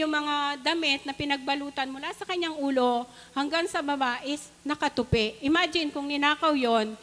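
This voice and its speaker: A woman with a Filipino accent delivers a sermon, stopping to read scripture aloud and to ask the congregation questions. Her voice sits high, and a long reverb hangs behind it in a large hall. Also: fairly bright tone. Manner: mixes Tagalog and English, reads scripture aloud, asks the congregation questions. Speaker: preacher.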